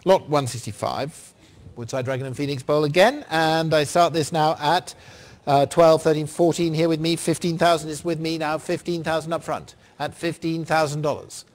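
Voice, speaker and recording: Formal male fine art auctioneer, higher-pitched voice. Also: fairly even intonation. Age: middle-aged. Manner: brisk, formal fine art auctioneer's patter, repeating bids. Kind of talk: live auction calling, short formal repeated bid figures. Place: large indoor auction saleroom.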